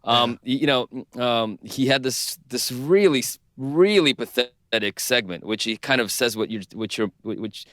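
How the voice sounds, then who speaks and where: A man's voice: mid-range voice, moderate pace, few pauses, a bit bright, no echo, clean studio sound. A man co-hosting a podcast, talking casually and laughing as he reads aloud. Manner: giggly, breaks into laughter while reading. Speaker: podcast co-host. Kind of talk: casual conversation.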